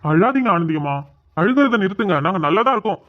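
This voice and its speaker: A woman's voice: medium pitch, expressive, quick pace, natural voice. A woman voicing a young man, an injured, exasperated son, in a cartoon. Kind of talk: cartoon voice acting. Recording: tinny phone-like sound.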